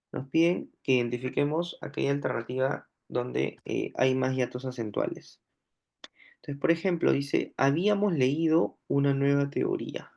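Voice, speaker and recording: Man with peruvian spanish accent, language teacher, unhurried worked examples, gravelly voice. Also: medium pitch, darkish tone, muffled recording. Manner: slow and deliberate, repeating words aloud. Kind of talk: worked-example grammar lesson.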